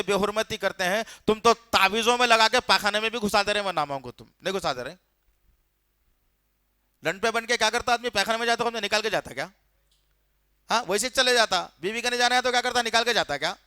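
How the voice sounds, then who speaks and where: This male preacher's sermon is indignant and fervent storytelling, with questions aimed straight at the audience. His high-sitting voice is pushed and bright yet clear and resonant, and the studio-quality recording has no room sound.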